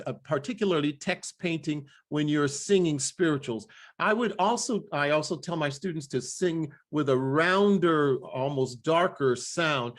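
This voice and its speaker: An American man leading a singing workshop, explaining diction with many fillers and breaking into short sung and spoken demonstrations. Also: on the high side. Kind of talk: lecture with sung and spoken examples.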